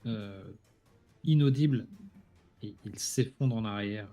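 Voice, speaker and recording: A man's voice: lowish voice, takes it slowly, warm tone. A man acting as game master, casually narrating a tabletop role-playing game.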